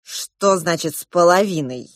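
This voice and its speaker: A woman's voice: lowish voice, unhurried, no echo, clean studio sound, lightly acted. Bossy young prince, as a woman reads him. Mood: impatient. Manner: commanding, loud.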